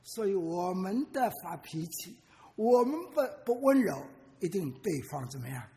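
A man's voice: high-pitched, moderate pace, vocal fry, in a large hall. A man in his eighties, a pastor, preaching a sermon in a church and often putting questions to his listeners. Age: 80s. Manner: animated storyteller who asks the congregation questions.

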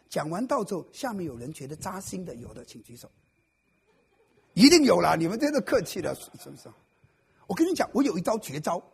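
This preacher's voice sits high and sounds gravelly and slightly rough. Addressing a live church congregation, he keeps the sermon playful, cracking jokes and putting questions to the audience.

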